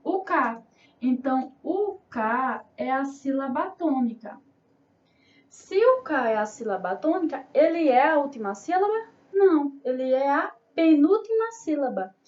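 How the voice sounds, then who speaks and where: A woman's voice: high voice, darkish tone. A Brazilian woman teaching young children, drawing out syllables and answering her own questions in a sing-song way. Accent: Brazilian Portuguese. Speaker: primary school teacher. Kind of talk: remote class for children. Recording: roomy, distant, dull lo-fi sound.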